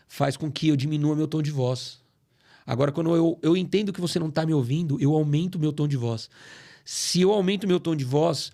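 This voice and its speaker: A middle-aged man from Brazil, a guest on a podcast, explaining things in an animated, storytelling way in a studio. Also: on the high side. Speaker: guest, acoustics company CEO. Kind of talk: casual podcast interview.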